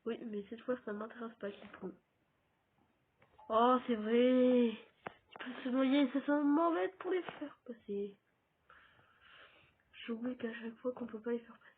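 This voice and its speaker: With an extremely high pitch and a moderate pace, a French-accented man gives chatty let's-play commentary as a gaming YouTuber, addressing his viewers while he plays. The tinny, phone-like audio carries a little hiss or hum.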